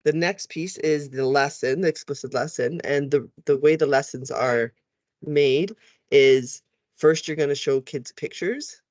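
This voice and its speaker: A man's voice: on the high side, measured pace, a little mellow, no room sound. A man explaining how to use phonics lesson slides, talking teachers through each part and sounding out letters the way they should with kids. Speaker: teacher trainer. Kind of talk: recorded tutorial walkthrough.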